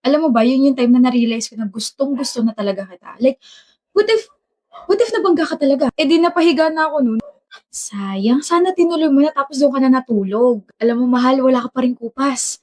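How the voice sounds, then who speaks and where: Bright-voiced woman in teasing couple banter. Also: sits high, quick pace. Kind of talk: Filipino short drama dialogue.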